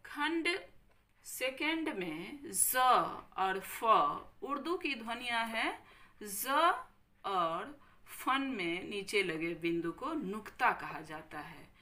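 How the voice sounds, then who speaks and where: A woman teacher with a Bihari Hindi accent giving a recorded grammar lesson, slowly repeating each word and checking in with her students. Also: medium pitch, lively intonation, sharp tone. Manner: slow, careful, repeats each word and checks with "thik hai".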